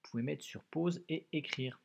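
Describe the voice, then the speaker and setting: A man teaching a dictation lesson to young pupils, slow and patient, spelling words out syllable by syllable and often adding "hein". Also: fairly high pitch, vocal fry, a little mellow. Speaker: primary school teacher. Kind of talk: recorded remote dictation lesson.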